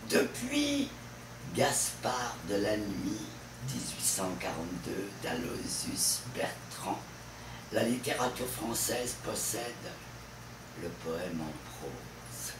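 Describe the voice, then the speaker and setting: A man giving a lecture on French verse with an expressive, theatrical delivery. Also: lowish voice, noisy background. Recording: distant mic in an echoey room.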